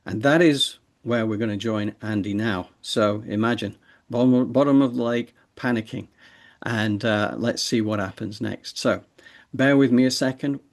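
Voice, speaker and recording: Male host; gravelly, casual, loose and conversational. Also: mid-range voice, normal speed. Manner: conversational, with hesitations. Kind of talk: casual show hosting.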